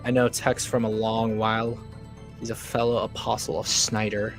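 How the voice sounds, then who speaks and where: A man's voice: on the low side, little pitch movement, normal speed, soft background music. A man hosting a casual streamed podcast, rambling and talking in fillers and restarts. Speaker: podcast host.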